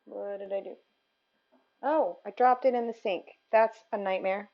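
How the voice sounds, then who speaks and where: A woman's voice: mid-range voice, fairly even intonation, a little slow, highs cut off. A woman hosting a cooking livestream, chatting casually with viewers and answering their messages with giggles.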